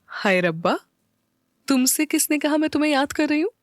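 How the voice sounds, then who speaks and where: A woman's voice: fairly high pitch, lively intonation, moderate pace, dry recording, studio quality, lightly acted. A woman voicing a playful, smitten young bride who teases her fiancé in an audio story. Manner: bright, playful, teasing.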